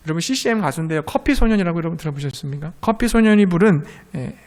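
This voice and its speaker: A man preaching a Sunday sermon as pastor, in a gentle, tender tone that rises into fervent exhortation. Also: fairly high pitch, animated, quick pace.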